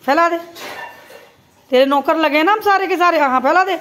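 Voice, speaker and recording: A woman's voice: extremely high pitch, normal speed, a bit bright, slight background noise. A woman filming at home, talking to her pet parrot in playful, coaxing baby-talk and teasing scolds. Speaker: pet vlogger.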